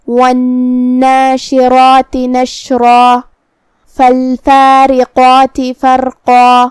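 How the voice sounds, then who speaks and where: A woman teaching Quran recitation rules, explaining pronunciation in a slow, methodical and precise way. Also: sits high, darkish tone, dry recording, studio quality.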